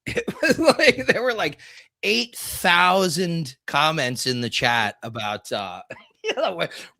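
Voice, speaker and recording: A man co-hosting a casual podcast roundtable, talking in a rambling, animated way, laughing often and swearing freely. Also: medium pitch, no echo, studio quality. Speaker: podcast co-host presenting this month.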